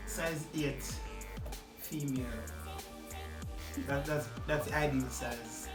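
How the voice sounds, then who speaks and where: A man's voice: medium pitch, steady tone, slow. A man with a Jamaican accent chatting casually as co-host of a couple's quiz vlog. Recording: echoey, distant mic, music behind.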